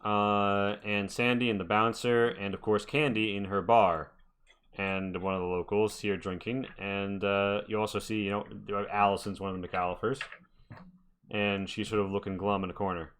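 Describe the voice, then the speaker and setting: A man narrates a tabletop game as its game master. His voice sits somewhat low. He improvises informally, feeling his way through sentences. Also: little pitch movement, normal speed, fairly bright tone, clear, resonant tone.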